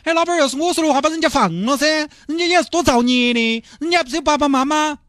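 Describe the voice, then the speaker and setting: A man with a Sichuanese accent voicing an excitable, soft-hearted man who gushes and wheedles for a dolphin's life. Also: racing, no echo, studio quality. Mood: pleading. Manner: shrill, gushing, wheedling.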